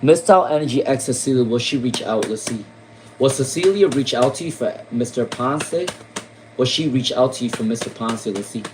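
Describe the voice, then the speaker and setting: A man's voice: mid-range voice, moderate pace, a little mellow, a little hiss or hum, low-quality recording. A man from Rhode Island giving casual tarot readings on a live stream, repeating names and questions with many fillers. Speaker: tarot reader.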